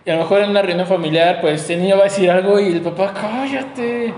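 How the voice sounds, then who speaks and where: A woman's voice: on the low side, fairly even intonation, very fast, darkish tone. A woman co-host adds joking quips and comments in a casual chat. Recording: roomy studio with long reverb and faint noise.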